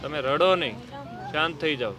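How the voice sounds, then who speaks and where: A man, a social worker gently coaxing and explaining outdoors by a road. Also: fairly high pitch, moderate pace. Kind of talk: calm persuasion and explanation. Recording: outdoor traffic noise.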